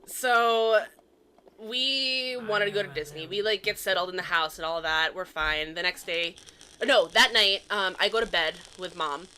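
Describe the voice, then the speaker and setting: Bright-voiced woman telling a lively story. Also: lowish voice, unhurried. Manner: animated, laughs often, acts out quoted lines. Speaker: storyteller in a gaming chat. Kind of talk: casual storytelling chat.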